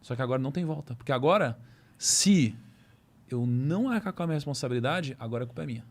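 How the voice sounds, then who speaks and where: Man, podcast host, slangy and earnest, casual chat, mid pitch. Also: expressive, fast. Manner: slangy and earnest, says "mano" and "cara" often.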